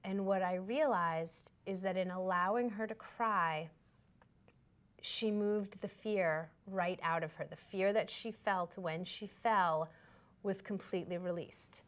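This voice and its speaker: A woman speaking in an even, middle pitch, recounting an experience in a calm, unhurried manner. She is a craniosacral therapist talking things over in a relaxed conversation, reflective rather than dramatic. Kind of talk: casual conversation.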